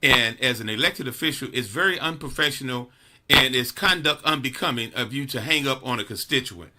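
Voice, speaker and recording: A man's voice: mid-range voice, brisk, pushed and bright. A man hosting a radio talk show, venting indignantly and stammering through many restarts.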